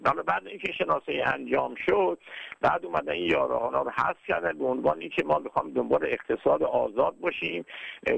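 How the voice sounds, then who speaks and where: A man giving formal, lecture-style political commentary, speaking in a measured way with frequent hesitations. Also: mid-range voice, creaky, breathy edge, no echo, muffled recording.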